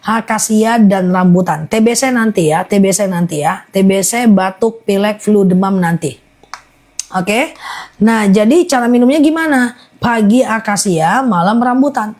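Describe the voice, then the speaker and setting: A woman's voice: mid-range voice, a little slow, a little mellow. A woman selling honey on a live stream, rattling off long lists of ailments in a chatty, reassuring patter.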